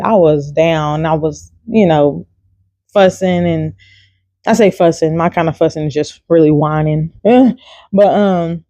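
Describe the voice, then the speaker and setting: Woman vlogger talking faith, relaxed and conversational, warm timbre, dry recording. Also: deep voice, no room sound, lo-fi sound. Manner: chatty and informal, many fillers. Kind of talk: casual devotional talk to camera.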